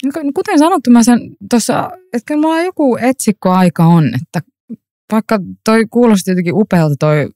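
A woman actor as a podcast guest, telling lively anecdotes with frequent laughter and many fillers, recorded in a library room. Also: a little high, no room sound, studio quality. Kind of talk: casual interview storytelling.

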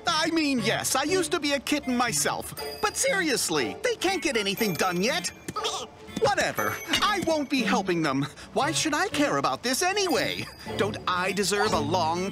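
A woman voicing a grumpy, dramatic old talking cartoon cat, indignant and theatrical. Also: on the high side. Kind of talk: animated cartoon voice acting. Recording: loud music under the voice.

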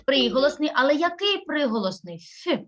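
A woman's voice: sits high, very animated, brisk, fairly bright tone, highs cut off. A woman teaching a primary school class, patiently sounding out syllables and words.

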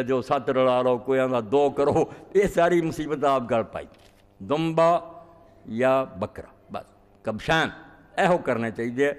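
Emphatic male cleric in a reverberant hall. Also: mid-range voice. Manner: emphatic, scolding rhetorical questions. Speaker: Islamic cleric. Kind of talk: religious lecture answering questions.

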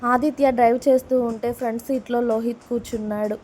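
A woman reading a serialized love story aloud and saying every character's lines herself in a plain, steady delivery. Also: fairly high pitch, a little fast, slight background noise.

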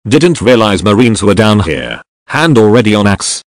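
A man's voice: lowish voice, big pitch swings, normal speed, dry recording, studio quality. A man reading informal first-person stories aloud as a scripted dramatic narration. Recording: music behind the voice. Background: music.

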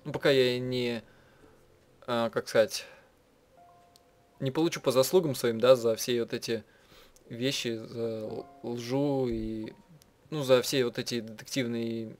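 With the game's soundtrack audible behind him, a man whose mid-range voice stays steady translates a visual novel aloud. His casual commentary is halting, as he frequently backs up to rephrase partway through a sentence.

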